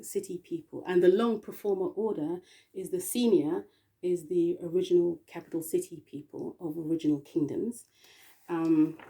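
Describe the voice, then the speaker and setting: An English woman speaking in a slow, meandering spiritual monologue, often spelling out letters and pausing with little laughs. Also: lowish voice, vocal fry, warm tone. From England.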